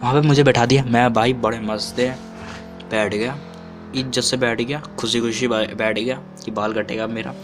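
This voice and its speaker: A man's voice: fairly even intonation, normal speed, music in the background. A man in his twenties telling childhood stories in a casual, rambling way, often restarting and correcting himself. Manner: acts out quotes with sudden high pitch. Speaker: vlogger. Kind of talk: casual storytelling.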